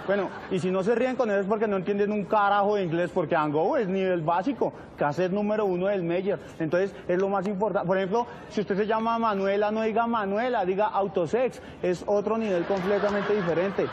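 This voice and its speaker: A man's voice: sits high, fairly even intonation, fairly quick, dull audio, a little hiss or hum, close to an everyday voice. A man playing a brash comic small-town comedian. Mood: boastful. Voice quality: brash, joking, shifts to silly baby talk. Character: boastful comic middle-aged male rural comedian. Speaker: stand-up comedian character. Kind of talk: comedy film acting.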